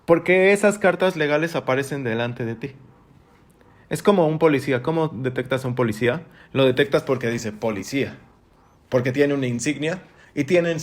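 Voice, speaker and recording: Animated preacher man. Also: on the high side. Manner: animated, big swings between loud and hushed, sound-effect interjections. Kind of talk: sermon teaching.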